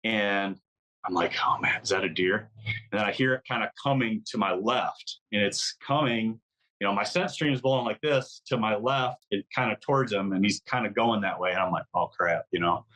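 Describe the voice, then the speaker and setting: A man's voice: lowish voice, fairly quick, a bit bright, low-quality recording. A man from Michigan, a podcast guest, telling a hunting story in a casual, vivid way, full of "like"s and mimicked deer calls.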